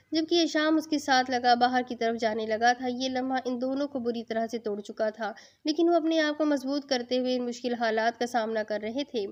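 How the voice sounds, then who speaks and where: A woman reading a romance novel aloud in a steady storytelling manner. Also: fairly high pitch. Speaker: novel reader. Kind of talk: Urdu novel narration. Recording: dull lo-fi.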